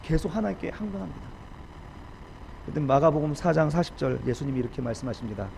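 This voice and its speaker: A man preaching a sermon as pastor, emotional and at times rising to loud pleading. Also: on the high side, lively intonation, fast, vocal fry, a little hiss or hum, poor audio.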